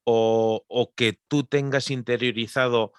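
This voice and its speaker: A man hosting an interview who asks his questions haltingly, repeating words. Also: mid-range voice, fairly even intonation, clean tone, no room sound, clean studio sound. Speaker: host.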